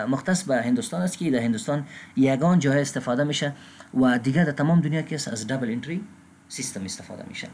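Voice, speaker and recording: A man with an Afghan Dari accent gives a recorded accounting lecture, reading English terms slowly and pausing with filler sounds. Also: medium pitch, a little mellow. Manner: frequent filler sounds and restarts. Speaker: accounting instructor.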